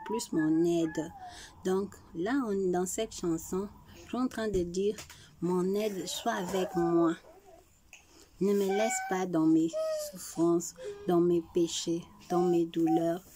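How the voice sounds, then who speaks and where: A soft-spoken Congolese woman whose first language is Tshiluba talks slowly in a fairly low voice, chatting personally as a vlogger before she sings. Her manner is earnest and devout, often hushed, and there is noise in the background.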